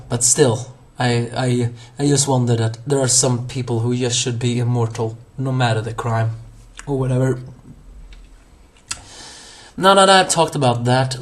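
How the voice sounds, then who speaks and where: Reviewing an anime episode by himself, a hoarse young man talks in a mid-range voice. His commentary rambles, full of fillers, false starts and self-corrections.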